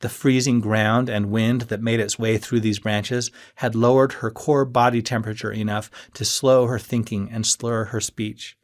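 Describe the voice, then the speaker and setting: A man's voice: on the low side, little pitch movement, normal speed, hardly any pauses. A man reading his own novel aloud as an audiobook, telling the story in an earnest first person. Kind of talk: audiobook narration.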